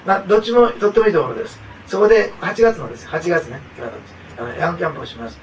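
A man's voice: fairly high pitch, expressive, racing, distant mic, rough recording. A man preaching a sermon as pastor, earnest and repetitive, with frequent asides to the congregation.

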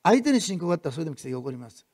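Male pastor, quick-paced sermon delivery, swings between emphatic repetition and soft asides. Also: on the high side, sing-song, husky, no echo. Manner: builds to loud emphatic repetition, then drops to soft asides.

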